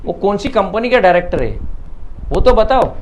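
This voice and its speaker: A man's voice: high voice, sing-song, normal speed, highs cut off, slight background noise. A man with a Mumbai Hindi accent giving an emphatic, insistent on-camera statement, answering allegations and repeating his points.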